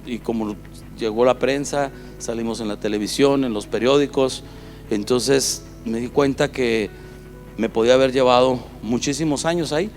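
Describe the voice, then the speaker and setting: A man's voice: mid-range voice, moderate pace, soft background music. Mexican man preaching a personal testimony. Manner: storytelling with acted-out dialogue. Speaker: pastor giving a testimony.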